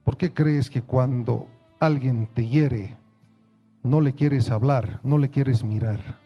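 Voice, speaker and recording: A male pastor preaching a sermon in a slow, deliberate way, asking his congregation rhetorical questions. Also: medium pitch, breathy edge, muffled recording, faint music behind.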